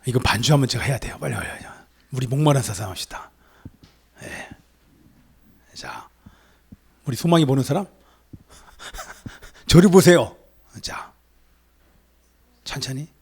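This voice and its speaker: A male pastor preaching an animated sermon, often questioning his congregation. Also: mid-range voice, a little slow, vocal fry, long pauses, slightly rough.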